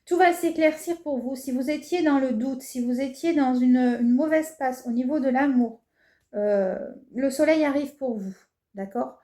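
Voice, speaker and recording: A woman's voice: high voice, normal speed, dark tone. Woman reading tarot in an echoey room. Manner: hesitant, many fillers and reassuring tags. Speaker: tarot reader. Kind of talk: casual horoscope card reading. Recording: echoey room with faint noise.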